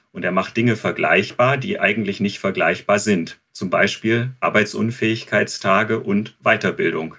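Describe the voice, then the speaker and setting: Research expert, male, very low pitch, husky, methodical. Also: a bit bright. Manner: explanatory, methodical. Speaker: research head and interview guest. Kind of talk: expert explanation in an interview.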